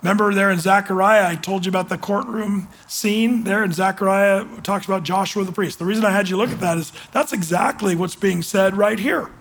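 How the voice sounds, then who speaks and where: A man preaching a sermon as pastor, earnest, asking rhetorical questions and reading scripture slowly. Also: high-pitched, fairly bright tone, husky.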